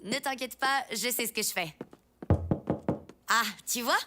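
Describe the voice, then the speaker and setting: A woman's voice: fairly high pitch, a little slow, background noise, lightly acted. A woman playing a confident, fair-minded young band member in a cartoon, earnest and efficient. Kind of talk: French animated cartoon acting.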